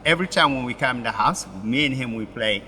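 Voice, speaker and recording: Brief: middle-aged Ethiopian-born male pastor, halting and restarting, bright tone, long room reverb under faint music. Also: mid-range voice, expressive, a little hiss or hum. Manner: halting, broken English with many restarts. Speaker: pastor, interview guest. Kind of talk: personal story in an interview.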